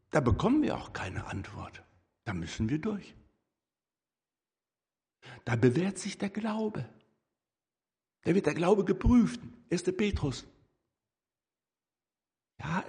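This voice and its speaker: A man's voice: mid-range voice, vocal fry, slightly rough. An older man giving a conversational sermon as a lay preacher, breaking into rising, emphatic bursts. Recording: echoey hall.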